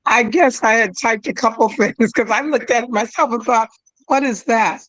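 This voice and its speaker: A woman's voice: fairly high pitch, moderate pace, fairly bright tone, dry recording, low-quality recording. A woman on a group video call, explaining her plans in a friendly, plain way. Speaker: meetup participant.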